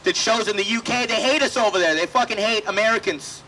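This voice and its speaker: High bright-voiced stand-up comic. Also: male voice, quick pace, slight background noise, low-quality recording. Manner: profane, conversational crowd banter. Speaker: stand-up comedian. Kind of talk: stand-up crowd work. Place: outdoor food festival stage.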